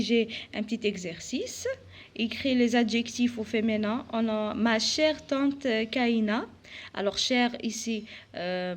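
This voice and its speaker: A woman teaching a French grammar lesson to young pupils, carefully spelling out letters and repeating the rules with frequent fillers. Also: a little high. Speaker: primary school teacher.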